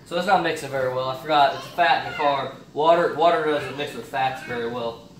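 A young adult man with a mid-range voice speaks fairly quickly as he casually talks through his meal prep at home. He's a fitness cooking vlogger thinking aloud, with plenty of fillers. The kitchen is echoey and the recording, from a far camera on a stand, is noisy.

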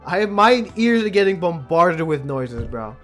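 A man live-streaming a game, chatting excitably with his viewers and mocking himself. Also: fairly high pitch, a little slow, soft background music. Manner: excitable, self-mocking, talks to chat. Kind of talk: live gaming stream chat.

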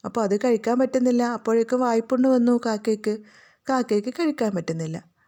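Malayali lady teacher explaining a class lesson, keeps asking the kids questions, soft warm voice, a bit high. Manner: reads passages aloud, then explains with questions to pupils. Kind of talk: explaining a school reading lesson to children.

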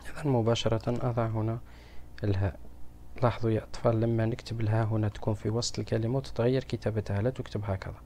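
A man's voice: on the low side, little pitch movement, very fast, warm tone, slight background noise. A man, a primary school teacher, patiently going through a grammar exam with children and asking them questions.

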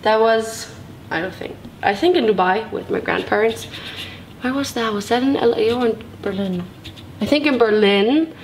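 A young woman vlogger with a slightly high voice walks a handheld camera around her large tiled bedroom and bathroom, chatting at a moderate pace. Bubbly and rambling, she fills the casual house tour with "like" and "so cool", and the room sounds echoey with background noise.

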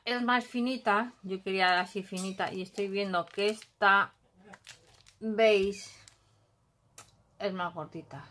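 A woman's voice: medium pitch, fairly bright tone. A middle-aged woman from Spain, with a Basque Country Spanish accent, chatting casually through a craft haul, thinking aloud and humming filler sounds while she unpacks at a table at home.

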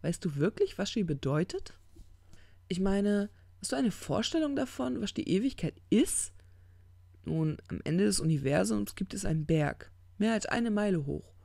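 A reader voicing a tipsy, smug male demon in an audiobook, talking in a halting, slurred ramble that stumbles over its words. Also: mid-range voice, expressive, vocal fry, dark tone, no echo, studio quality, pitched above the performer's own voice. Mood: insistent. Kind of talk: audiobook character reading.

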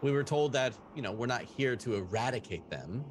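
A man's voice: mid-range voice, animated, fairly quick, slight background noise. A man playing a tabletop role-playing game in character, wry and sarcastic. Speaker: player.

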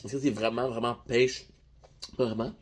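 At night in a small indoor room, a young man films a candy-tasting vlog on a phone at arm's length, chatting casually and joking around with viewers in a Québécois French accent. His mid-range voice keeps a steady tone at normal speed, and there's a slight hiss or hum.

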